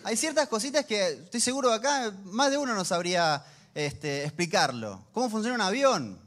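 A man's voice: high voice, sing-song, brisk, fairly bright tone. A man, preaching a sermon in a conversational, humorous storytelling manner. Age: 30s. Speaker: pastor.

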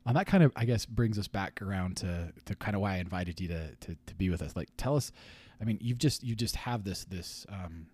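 A man's voice: deep voice, a little fast, hardly any pauses, a little mellow, slightly rough, dry recording. A man hosting an interview podcast, asking questions in an upbeat, chatty, joking way. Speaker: podcast host. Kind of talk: casual interview.

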